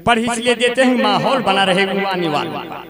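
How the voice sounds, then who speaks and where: A man performing as a comic poet on a live stage, joking with the audience and slipping into drawn-out sung couplets. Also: sits high, expressive. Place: outdoor stage at a poetry gathering. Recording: live stage mic with loud crowd. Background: audience laughter and applause.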